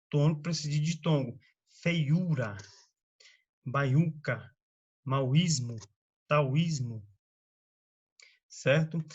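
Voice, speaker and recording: A man from Brazil, slowly giving a grammar lesson and reading out word lists with frequent checks on the listener. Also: fairly high pitch, darkish tone, slightly rough, muffled recording. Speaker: teacher. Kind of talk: slow spoken grammar lesson.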